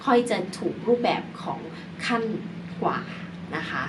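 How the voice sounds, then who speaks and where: A woman's voice: mid-range voice, animated, measured pace. Patient woman teaching grammar, distant mic. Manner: patient, repetitive, spells words letter by letter. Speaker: English teacher. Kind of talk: explaining grammar lesson. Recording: distant mic with clear background noise.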